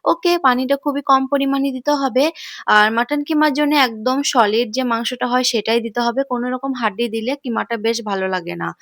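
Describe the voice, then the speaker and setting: A woman's voice: a little high, a bit bright, no room sound, clean studio sound. A woman talking through a home recipe in a casual, chatty way, often saying "okay" between steps. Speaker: cooking video host. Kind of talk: casual cooking voice-over.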